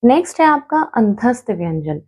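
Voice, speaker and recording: Sing-song, warm and husky, her slightly high voice moves at a normal speed as she gives a patient Hindi grammar lesson. She pronounces letters individually, says "theek hai" to check her students follow, and calls them "beta".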